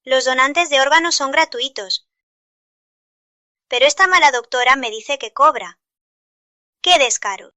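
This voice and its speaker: A woman voicing a desperate middle-aged mother who pleads and then loudly accuses a doctor, in a Spanish drama dub. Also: high voice, a little slow, long pauses, dry recording. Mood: accusing.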